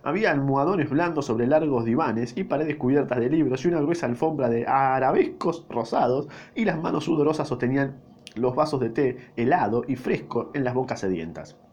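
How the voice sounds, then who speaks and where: A man's voice: medium pitch, lively intonation, a little fast, a little mellow, highs cut off. A young man with a Rioplatense accent reading a novel aloud, breaking off often for crude, swearing jokes and bursts of laughter. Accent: Rioplatense Spanish. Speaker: reader.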